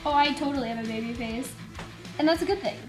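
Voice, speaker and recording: High-voiced bubbly woman hosting. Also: fast talker, over music. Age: 30s. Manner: bubbly and chatty, laughs often. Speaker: stream host. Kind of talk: casual chat while painting miniatures. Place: studio set with a table.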